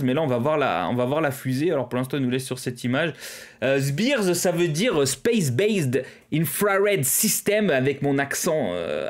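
A French man hosting a live stream, chatting casually with lots of fillers and small laughs at his own fumbles. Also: on the high side.

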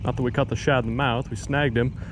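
A man's voice: medium pitch, steady tone, fast talker, background noise. Man, thirties, fishing vlogger, self-mocking, action-camera sound outdoors, light water ambience. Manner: chatty, talks to his dog, self-mocking. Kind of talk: casual running commentary. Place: outdoors on a bass boat on a lake. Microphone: action camera on the boat.

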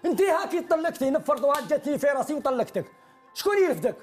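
A man's voice: very high voice, very animated, racing, faint music behind. A man with an Algerian Arabic accent, crying and pleading agitatedly with his wife on a television show, swearing oaths as he speaks. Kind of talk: emotional TV confession.

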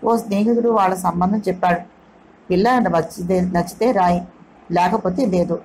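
A woman's voice: fairly low pitch, steady tone, normal speed, darkish tone, slight background noise, lightly acted, rough recording. A woman voicing a good-humored young man in a Telugu audio novel, speaking in an amused, playful tone. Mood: explaining.

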